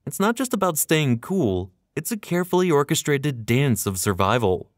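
A man reading scripted nature documentary narration in a measured, earnest storytelling way. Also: on the high side, very animated, no echo, studio quality.

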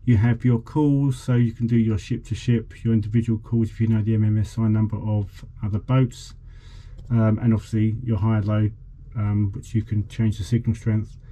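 At a marina outdoors, partly on board a boat, a man vlogs casually, showing and explaining things informally. His voice is lowish and warm, his delivery flat at a moderate pace, with slight background noise.

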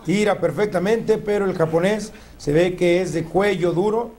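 A man's voice: high-pitched, normal speed, darkish tone. A man giving wrestling commentary as a lucha libre announcer. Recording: noisy dated TV broadcast.

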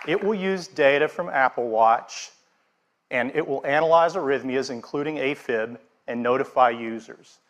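A middle-aged man presenting products on a large theater stage in a steady, scripted keynote delivery. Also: mid-range voice, normal speed.

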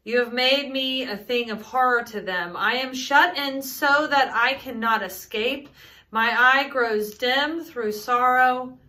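A woman in her thirties, a pastor, leading prayer and reading scripture in a solemn, measured way from a small room at home. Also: high-pitched, bright, forceful tone. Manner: solemn, measured liturgical delivery.

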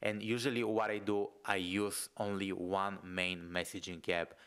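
A man's voice: sits low, flat delivery, measured pace, a bit bright, clean tone. A young man from Bulgaria with a Bulgarian accent, giving a casual video lesson in a loose, conversational way, filled with "like". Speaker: entrepreneur and online business coach. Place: home room, indoors. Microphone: studio mic close in front of face.

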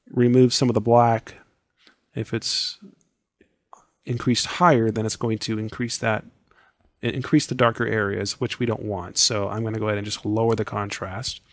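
Hoarse man explaining software steps. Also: medium pitch, no room sound. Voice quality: scratchy voice. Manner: casual, step-by-step explaining. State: hoarse, losing his voice. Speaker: software tutorial instructor. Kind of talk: screen-recorded tutorial voice-over.

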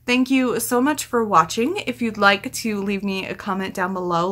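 Her voice is medium-pitched, pushed and bright as this woman in her thirties, a book reviewer and video host, gushes casually and enthusiastically. She's in a small indoor room at home with a bookshelf, her throat slightly scratchy from talking.

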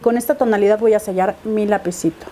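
Girl chatting thru her makeup, soft warm voice, easygoing. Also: medium pitch, steady tone, fast. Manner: chatty, explains each step to viewers. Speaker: beauty vlogger. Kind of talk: makeup tutorial chat.

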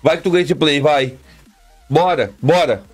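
A man's voice: fairly high pitch, moderate pace, breathy edge, faint music behind. A man live streaming, chatting casually and repetitively with his viewers in slang. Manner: slangy, repetitive, talks straight to chat.

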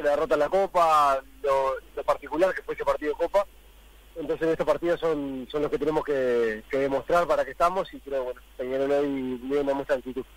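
Slightly high-voiced Uruguayan man, hesitant. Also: poor audio. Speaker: football club director being interviewed. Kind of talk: post-match interview answers.

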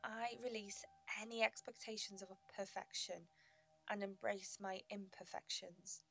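A woman narrating a guided meditation in a gentle, soothing sleep-story manner, with measured pauses. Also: mid-range voice, fairly even intonation, creaky, soft background music, poor audio.

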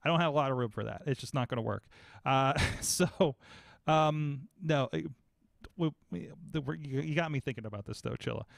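A mid-range voice with vocal fry belongs to this forty-something podcast host, who chats casually at a normal speed. He rambles animatedly and mocks himself, using a studio mic on a boom arm and headphones. The foam-paneled room keeps the recording dry.

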